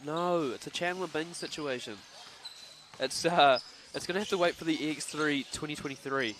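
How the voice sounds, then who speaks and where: Bright, excitable New Zealand commentator man. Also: a little high, moderate pace, a little hiss or hum. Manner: joking, excitable play-by-play. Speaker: basketball commentator. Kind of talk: live sports commentary with banter. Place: courtside at a basketball venue.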